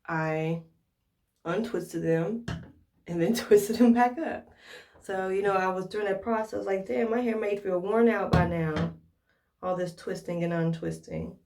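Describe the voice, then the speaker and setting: A medium-pitched, darkish-toned American woman vlogs about hair care, chatting casually and thinking aloud during an informal demonstration for viewers. She's recorded at a distance from the mic, with a roomy echo.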